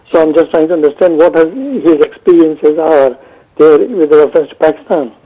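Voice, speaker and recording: A man calling in to a talk show over buzzy, glitchy phone audio that breaks up. He asks his question haltingly, with many fillers and restarts. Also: fairly high pitch. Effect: buzzy, glitchy phone call audio that breaks up. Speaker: phone-in caller. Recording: dull lo-fi phone line.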